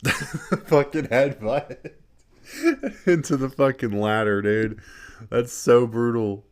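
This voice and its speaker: A man's voice: mid-range voice, slow. A man giving casual gameplay commentary, swearing a lot, laughing often and rambling with restarts. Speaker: gaming video creator.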